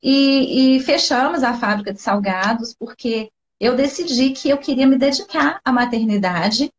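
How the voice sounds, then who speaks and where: A woman's voice: sits high, normal speed. A woman with a Brazilian Portuguese accent, a guest sharing a personal story with heartfelt emotion on a video call, often saying "né" and "sabe". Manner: heartfelt, tearful at times, fills speech with "né" and "sabe". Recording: dull lo-fi live stream audio.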